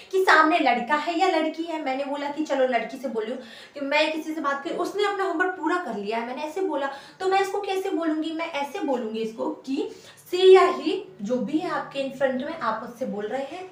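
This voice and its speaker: A woman with a high voice teaches an English grammar lesson, explaining patiently and repeating every example sentence. The mic is distant, and her voice comes from afar in an echoey room.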